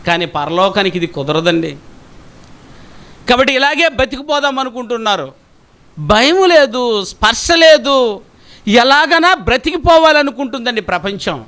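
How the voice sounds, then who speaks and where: A man's voice: very high voice, lively intonation, normal speed, long pauses, sharp tone. A middle-aged male pastor with a Telugu accent, preaching a sermon that is full of emphatic rhetorical questions to the congregation.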